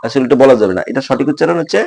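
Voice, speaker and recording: A man's voice: medium pitch, expressive, racing, creaky, darkish tone, husky. A man teaching the alphabet and its correct pronunciation, repeating each point and quizzing the viewer. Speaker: tutor. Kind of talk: classroom lesson.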